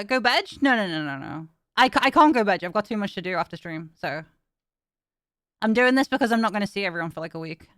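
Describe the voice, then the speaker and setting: A woman's voice: fairly high pitch, a bit bright, smooth, dry recording, studio quality. A woman streamer chatting casually with viewers, tired and in pain, talking frankly and swearing now and then.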